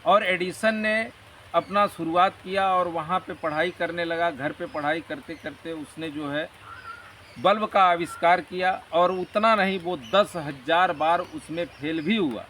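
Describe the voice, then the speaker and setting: Man, higher-pitched, earnest motivational talker, recorded a bit off-mic with faint hiss. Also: a little slow, sharp tone. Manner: earnest, motivational, rambling explanations. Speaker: interview guest. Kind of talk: conversational interview. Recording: distant mic with faint background noise.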